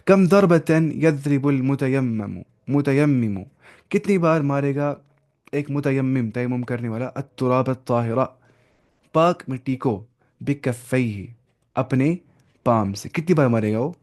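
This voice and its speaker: A man teaching an Arabic lesson, reading each Arabic phrase slowly and then explaining it in with English words mixed in. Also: medium pitch, a little mellow.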